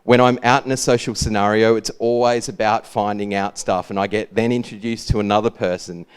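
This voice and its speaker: Here the same Australian presenter talks through his own brand work in a loose, meandering way. His voice sits fairly low with a steady, clean tone, and his drawl stays relaxed even as he moves briskly.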